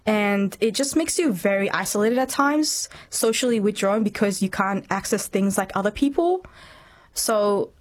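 At a normal speed and medium pitch, a young woman from Myanmar in her twenties offers earnest, reflective personal testimony during an interview where she is the guest.

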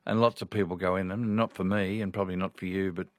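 An Australian radio host with a deep voice talks quickly in a flat delivery, chatting casually and rambling as he reads listener messages aloud. The recording is studio quality with no echo.

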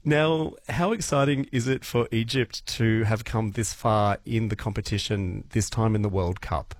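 A man's voice: fairly low pitch, moderate pace, dry recording. A man hosting a radio interview, reacting with encouraging remarks. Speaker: radio host.

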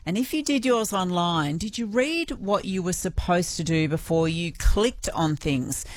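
A woman's voice: fairly low pitch, expressive, measured pace, no echo. An Australian woman hosting a radio programme in a chatty, informal, conversational way. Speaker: radio host.

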